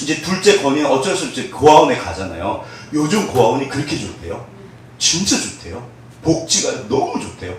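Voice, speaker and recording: Male pastor, lively storytelling sermon, very echoey hall, mic some way off. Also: mid-range voice, distant mic, slight background noise. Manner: animated storytelling, swinging between loud and hushed. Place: church sanctuary.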